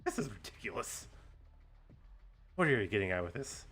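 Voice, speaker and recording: A man's voice: lowish voice, big pitch swings, normal speed, a bit bright, husky, exaggerated voice. A man reads the part of a serious young woman student in a game. She is impatient and defiant, answering in curt, indignant lines. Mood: irritated.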